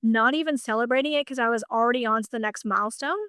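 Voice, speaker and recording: A woman's voice: fairly high pitch, quick pace, pushed and bright, smooth, dry recording, studio quality. A woman business coach talking in a casual podcast conversation, chatty and full of "like" fillers. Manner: chatty, heavy use of "like" fillers.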